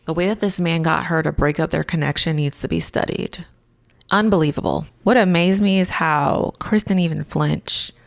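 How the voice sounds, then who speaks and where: Woman host, low gravelly voice, emphatic and dramatic recap commentary, dry close sound. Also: normal speed, no room sound. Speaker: reality show recap host. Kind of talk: casual commentary vlog.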